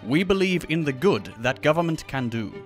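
A man's voice: on the high side, lively intonation, normal speed, faint music behind, natural voice. A man putting on a mock British accent to read out a pompous conservative politician's manifesto. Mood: pompous earnest.

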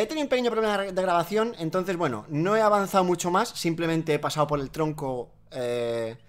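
Let's-play host, high-pitched, jokes and swears. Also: male voice. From Spain. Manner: joking, swearing, laughs often. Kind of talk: casual gameplay commentary.

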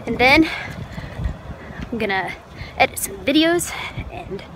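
A woman, out of breath after a run, chatting loudly to her vlog camera outdoors on a windy day. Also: a little high, expressive, takes it slowly. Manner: chatty, loud over the wind. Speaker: fitness vlogger. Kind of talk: casual vlog chat. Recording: wind and traffic noise outdoors.

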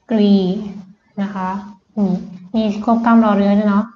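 A woman's voice: mid-range voice, flat delivery, reverberant, muffled recording. A woman English tutor with a Thai accent, teaching children vocabulary patiently and repeating each word. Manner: patient, repeats words slowly. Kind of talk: slow vocabulary lesson for children.

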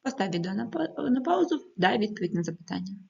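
A woman teaching primary school children in a recorded video lesson, speaking clearly and patiently and giving careful stress to each number as she reads aloud. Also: medium pitch, very animated, fast, a little mellow, muffled recording.

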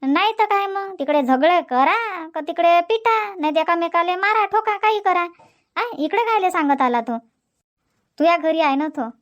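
Shantabai, a very high fussing village woman. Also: expressive, normal speed. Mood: indignant. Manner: emphatic, fussing, indignant. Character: gossipy village neighbour woman, fiery and sympathetic. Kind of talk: cartoon comedy dialogue.

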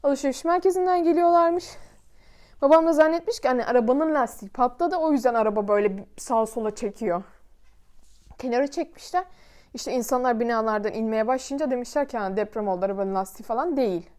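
Woman vlogger, high and mellow, emotional storyteller to camera. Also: fast. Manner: emotional, vivid retelling.

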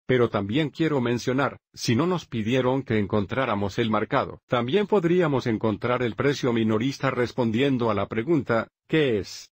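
Male math teacher, steady and methodical, husky voice at a middle pitch. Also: normal speed, hardly any pauses, no room sound, clean studio sound. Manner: steady, methodical step-by-step explaining. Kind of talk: dubbed math lesson narration.

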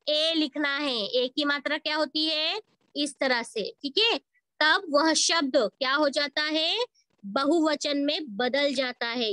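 A woman's voice: high-pitched, pushed and bright, no room sound. A woman teaching a school Hindi grammar lesson online, asking questions and answering them herself, mixing English words into her Hindi. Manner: asks questions and answers them herself, addresses pupils as beta. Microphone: video call recording.

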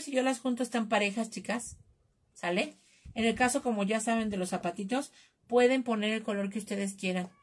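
Chatty Mexican woman teaching crafts. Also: a little high. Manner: chatty, jokey, calls viewers "chicas". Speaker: craft class host. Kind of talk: live craft tutorial.

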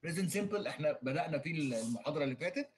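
A man's voice: fairly high pitch, lively intonation, rapid-fire. A man with an Egyptian Arabic accent, a native Arabic speaker, giving an online English lecture over a video call, explaining each point and repeating it in Arabic. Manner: explains, then repeats in Arabic, many fillers. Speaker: English teacher.

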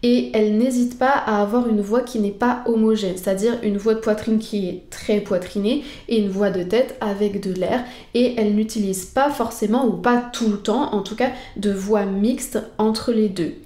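A woman's voice: medium pitch, fairly even intonation, moderate pace, hardly any pauses, mellow, echoey room. A woman singing teacher patiently explaining vocal technique straight to the viewer.

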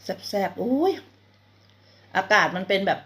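A woman hosts a casual mukbang in a mid-pitched voice with an Isan Thai accent. She talks to her viewers while chewing, dropping in savoring hums between phrases. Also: animated, measured pace, fairly bright tone, a little hiss or hum. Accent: northeastern Thai (Isan). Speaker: food vlogger.

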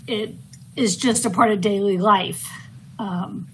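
A woman speaking reflectively in a committee video call discussion, halting and restarting as she thinks. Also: medium pitch, steady tone, slight background noise, low-quality recording. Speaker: committee member.

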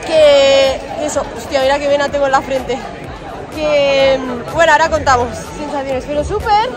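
A woman in her twenties from Spain with a Spanish accent, vlogging out of breath and loudly into her phone while running outdoors. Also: high voice, moderate pace. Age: 20s. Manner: speaking while running, exerted and loud. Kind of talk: vlog to camera. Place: outdoors on a wide city street. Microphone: phone at arm's length. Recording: busy street race, crowd and music behind.

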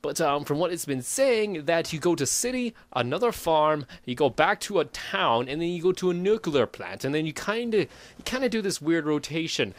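A man's voice: on the high side, sing-song, normal speed. A young man talking through a gaming commentary in a casual, rambling way, full of fillers and self-corrections. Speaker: gaming YouTuber.

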